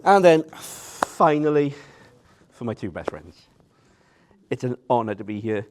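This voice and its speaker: A man's voice: medium pitch, animated, unhurried, noisy background. A man giving an informal best man's speech to wedding guests, nervous, self-deprecating and joking as he goes. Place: wedding reception in front of seated guests.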